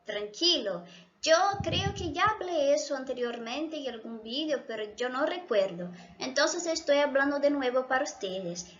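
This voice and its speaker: A woman's voice: high voice, animated, normal speed, fairly bright tone, muffled recording. A woman from Brazil, a native Portuguese speaker with a Brazilian accent, patiently explaining Spanish grammar and often checking in with her students. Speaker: Spanish teacher.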